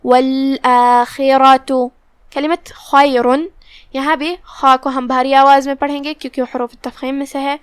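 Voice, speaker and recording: A woman teaching the rules of Quran recitation, explaining each letter step by step and then reciting slowly and drawn out. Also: sits high, little pitch movement, no echo, clean studio sound. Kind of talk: tajweed lesson with slow recitation.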